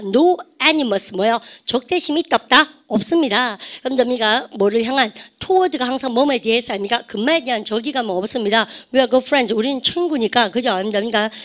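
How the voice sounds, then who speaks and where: A woman English teacher lecturing exam students on vocabulary, often asking the class questions and having them repeat the pronunciation. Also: fairly high pitch. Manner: calls herself ssaem, keeps asking the class questions and drilling pronunciation.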